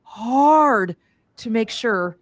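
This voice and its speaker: A woman's voice: on the high side, expressive, very slow, no room sound. A woman speaking as an interview guest, explaining animatedly with lots of 'like' and 'you know'. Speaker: guest strategist. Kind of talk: conversational interview.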